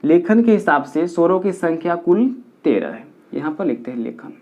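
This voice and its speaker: A man's voice: on the high side, sing-song, moderate pace, a little mellow, slight background noise. A man teaching a grammar lesson at a board, counting aloud step by step and repeating key points for his pupils. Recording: dull lo-fi recording.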